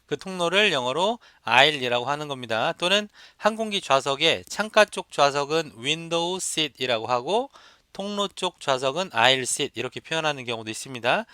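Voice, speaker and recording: Guy teaching a test prep class, bright crisp voice, kinda high, keeps repeating stuff for you to say back. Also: expressive, a little slow, dry recording, clean studio sound. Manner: explains step by step, repeats examples and asks students to repeat. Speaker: English test instructor. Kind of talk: lecture.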